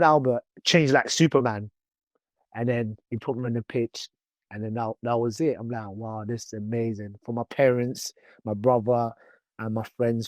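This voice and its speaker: In a casual interview, a footballer in his thirties talks loosely with lots of "you know" fillers and restarts. Born in England and raised in Ghana, he speaks Twi as his first language. His medium-pitched voice has a darkish tone, recorded dry.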